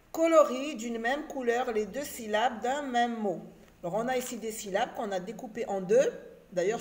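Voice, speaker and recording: A woman's voice: a little high, a little mellow. A woman teaching an early reading lesson, spelling words out letter by letter and stressing syllables.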